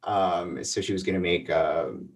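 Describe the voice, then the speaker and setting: A man's voice: low-pitched, unhurried. Man in his thirties, casual interview guest, rambling, plenty of fillers, voice a little distant from the mic. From El Paso and Juarez border region. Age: 30s. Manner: rambling, many fillers and restarts.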